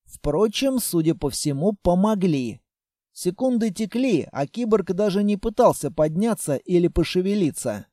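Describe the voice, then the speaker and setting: A man reads a first-person story aloud, measured and unhurried, his voice high yet mellow. The recording is close and completely dry, with no room sound. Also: expressive, no echo. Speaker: audiobook narrator. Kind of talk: first-person audiobook narration.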